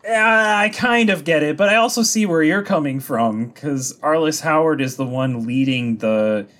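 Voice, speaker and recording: A man's voice: a little high, a little slow. A man co-hosting a podcast, chatting casually about movies and tossing in mocking impressions. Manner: animated, mocking impressions of characters. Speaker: podcast co-host.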